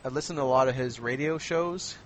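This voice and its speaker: A man's voice: medium pitch, fairly quick, fairly bright tone, a little hiss or hum, rough recording. A man in casual conversation, talkative, often laughing and acting out quotes. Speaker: conversation guest. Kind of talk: casual chat.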